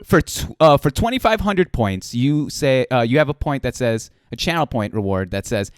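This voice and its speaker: Male host, 20s, casual interview chat, animated and repetitive for emphasis, crisp, close dry sound. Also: medium pitch, moderate pace, dry recording. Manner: animated, playful, repeats phrases for emphasis. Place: small room at home. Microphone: close boom microphone with headset.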